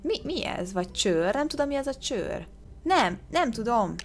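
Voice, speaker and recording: There's slight background noise as a woman with a higher voice hosts a game video. Her commentary is casual and excitable, full of exclamations and gasps as she guesses, and she haltingly sounds out English words.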